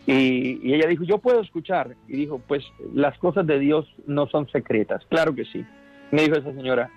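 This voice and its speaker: A Colombian man, a priest, tells his story over the radio in an earnest, fervent way, often stumbling and restarting. His voice sits at an ordinary middle pitch. The sound is dull and lo-fi, with soft music underneath. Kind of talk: radio interview testimony.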